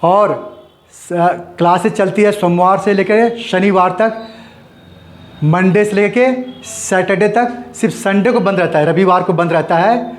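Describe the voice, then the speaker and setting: A man's voice: high voice, measured pace, reverberant. A man teaching an English grammar lesson, explaining step by step, repeating points and asking and answering his own questions.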